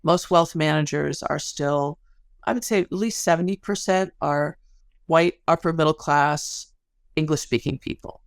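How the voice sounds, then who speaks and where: Appearing as an interview guest, a woman with a noticeably creaky, deep voice explains her research at a measured pace, telling it like a story with casual asides and colorful phrasing. The recording is dry, with no room sound.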